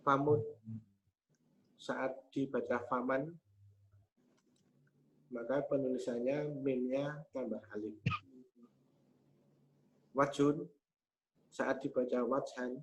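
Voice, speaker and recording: A man, teaching Arabic grammar patiently and methodically, pausing often on hesitation sounds. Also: mid-range voice, fairly even intonation. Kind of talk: explaining grammar in a class. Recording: slightly muffled with faint hum.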